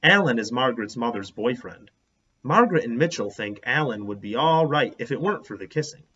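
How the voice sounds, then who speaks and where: Like a teacher at story time, a man reads a children's story aloud, stressing and stretching out words in animated narration. His mid-range voice is husky, brisk and sharp, with lively intonation, though the recording sounds dull and lo-fi.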